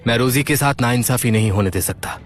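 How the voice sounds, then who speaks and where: A man's voice: mid-range voice, fairly quick, natural voice. An actor playing a principled young scholar who protects his wife, speaking firmly and reassuringly, in a Hindi drama dub. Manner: firm, reassuring. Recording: soft music behind the voice.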